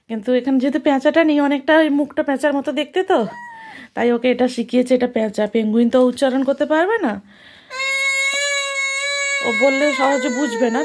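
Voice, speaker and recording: A young woman reading a picture book to her toddler, making animal sounds in a sing-song way and stopping now and then to explain calmly. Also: on the high side. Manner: turns aside to explain calmly. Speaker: mother.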